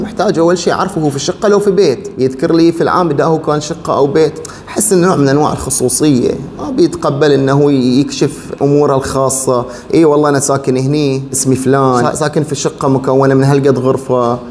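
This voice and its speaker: A man's voice: fairly high pitch, a little mellow, big-room sound, a little hiss or hum. A man with a Bahraini Arabic accent who presents a pest control company, chatty and salesy, talking straight to the viewers. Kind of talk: product demonstration and promotional explainer.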